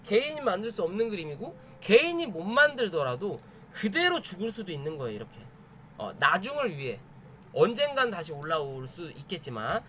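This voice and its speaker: Hosting a stock chart study stream, this man teaches an informal live lesson on reading charts. His voice sits high with a fairly bright tone, and there's a little hiss or hum. He's emphatic, repeats phrases, and checks understanding with rhetorical questions.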